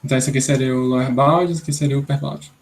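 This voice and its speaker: A man's voice: medium pitch, steady tone, racing. A young man from Brazil teaching an online programming class, thinking aloud step by step and checking in with "né?". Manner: explanatory, thinks aloud, many "né?" tags. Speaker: instructor.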